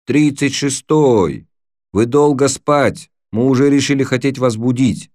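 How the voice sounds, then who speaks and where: A man's voice: a little high, fairly even intonation, a little mellow, smooth, pitched above the performer's own voice. A man putting on a grinning boy in broken Russian. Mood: cheerful. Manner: slow, halting, broken grammar.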